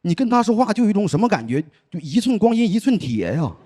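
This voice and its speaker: A man performing a stand-up comedy set on stage, telling stories in a dry deadpan way and acting out the people he quotes. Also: high-pitched, quick pace. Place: comedy show stage with live audience. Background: audience laughter.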